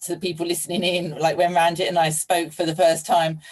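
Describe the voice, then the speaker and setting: A woman's voice: lowish voice, level tone, a little fast, a little mellow. A woman hosting an online webinar, speaking in a friendly, affirming way with plenty of ums. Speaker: webinar host. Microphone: video call.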